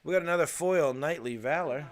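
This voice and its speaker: A man hosting a live card unboxing, chatting casually in a rambling way with fillers and excited exclamations. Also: fairly high pitch, a little fast, no room sound.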